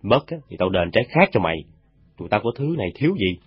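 Guy doing a low hushed guerrilla leader, gentle but firm, slightly husky, dry dull audio. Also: sing-song, quick pace, full character voice.

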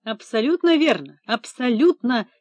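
A woman reading an audiobook, voicing a nervous, theatrical middle-aged male administrator who talks excitably and indignantly, his voice trembling. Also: on the high side, measured pace, dry recording. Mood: hysterical.

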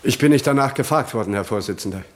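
A man playing a measured courtroom witness. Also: medium pitch, natural voice. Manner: measured, matter-of-fact. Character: calm male witness giving sworn testimony. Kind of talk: 1960s radio drama acting.

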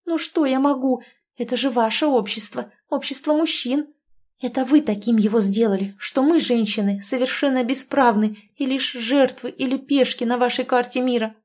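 A woman playing a proud young noblewoman, haughty, quick-tempered, raised pitch, sharp indignant retorts, audiobook. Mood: anxious.

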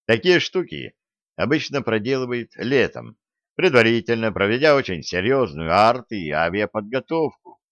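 A man reading a first-person audiobook in a measured, dramatic manner. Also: on the low side, sing-song, fairly bright tone, no echo, highs cut off. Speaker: audiobook reader.

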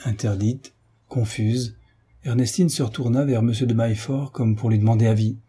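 A man reading a classic novel aloud as narrator, in an even, steady manner. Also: mid-range voice, normal speed, slightly rough. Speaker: audiobook narrator. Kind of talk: scripted literary narration.

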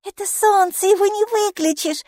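A woman's voice: very high-pitched, normal speed, no room sound, studio quality, voice pushed up. A woman voicing a cheerful, chatty six-year-old girl who keeps asking eager questions, in audiobook style. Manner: eager, excited, full of questions. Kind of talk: audiobook character voice.

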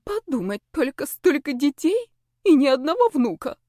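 A high, lilting older matriarch, as a woman reading an audiobook puts her on, sly and theatrical, forever sighing for grandchildren. Her lines come bright against a dry, close recording. She wheedles and schemes in every phrase. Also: sing-song, moderate pace, dry recording. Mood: lamenting, sly. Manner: sly, theatrical, dramatic sighs.

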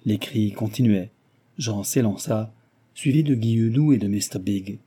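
Dark, husky male audiobook narrator. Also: lowish voice, measured pace. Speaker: audiobook reader. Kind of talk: scripted novel narration.

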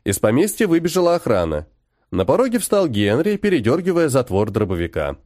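Expressive male audiobook narrator. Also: mid-range voice, brisk, dry recording, studio quality.

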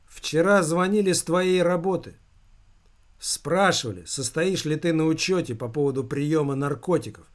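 A man putting on a shrill hysterical mother. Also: expressive, normal speed, lightly acted. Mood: worried. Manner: shrill, pleading, tearful. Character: hysterical anxious middle-aged mother.

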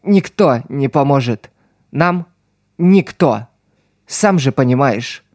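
Man voicing a dying street girl, slow and faint. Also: mid-range voice, lively intonation, darkish tone, no echo, clean studio sound. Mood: weak, urgent. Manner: slow, strained, fading speech. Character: wounded street girl, weak, dying, calm. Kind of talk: audiobook reading.

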